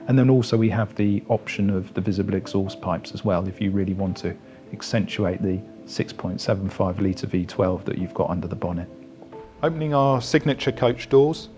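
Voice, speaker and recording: A man giving a product walkaround as a company presenter, speaking in a measured, explanatory way. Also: on the low side.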